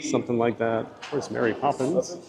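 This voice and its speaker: A livestream vlogger wanders a theme park's shops and walkways, chatting casually in a polite, upbeat way. The voice is medium-pitched at a moderate pace, with crowd noise and loud background music behind it.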